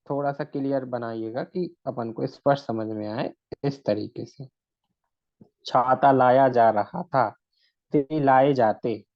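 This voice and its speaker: A man teaches shorthand in a recorded lesson at a very slow, deliberate pace, stretching out each word while he explains. His voice sounds dry and close, with no room echo. The recording is a bit dull and muffled. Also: mid-range voice. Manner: slow and deliberate, drawing out words one at a time.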